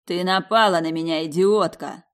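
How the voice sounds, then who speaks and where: A woman voicing a brutish, threatening heavy older man who drags his bellowed threats out slowly in a storybook reading. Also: on the low side. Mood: furious. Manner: slow, drawn-out bellowing threats.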